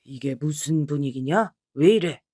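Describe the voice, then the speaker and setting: A woman's voice: sits low, unhurried, mellow, husky, dry recording, clean studio sound, pitched below the performer's own voice. A woman voicing an older father who scolds bluntly, then coaxes his daughter, in a storytelling reading. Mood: gruff. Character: gruff worried older father.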